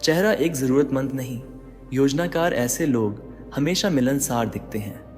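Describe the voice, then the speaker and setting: Male narrator, dramatic motivational delivery, mid-pitched, long reverb, faint music behind. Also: unhurried, darkish tone. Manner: addresses the listener directly with rhetorical questions.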